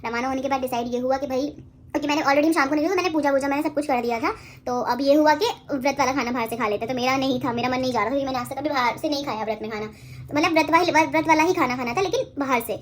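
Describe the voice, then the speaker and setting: A woman vlogger in casual storytelling to camera, chatty and animated, talking straight to her viewers. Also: sits high, very fast, slight background noise.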